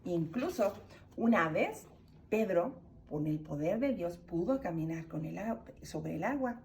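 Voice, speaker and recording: A woman's voice: fairly low pitch, a little slow, recorded from a distance, a little hiss or hum. Mexican woman teaching children a Bible story. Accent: Mexican Spanish. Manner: animated, acts out the characters' cries. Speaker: Sunday school teacher.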